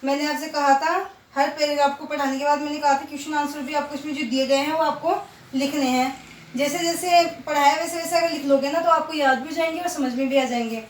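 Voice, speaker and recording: A woman's voice: high voice, steady tone, fairly quick, far from the mic, slight background noise. A woman teaching a primary school class, patiently drilling pronunciation and asking and answering her own questions. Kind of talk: recorded online class lesson. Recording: roomy, from off-mic.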